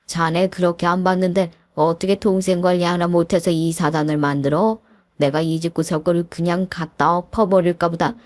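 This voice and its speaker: A woman voicing a stern older father who scolds in a gruff, threatening way. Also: on the low side, flat delivery, normal speed, darkish tone, dry recording, voice pushed down, close to an everyday voice. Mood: stern anger.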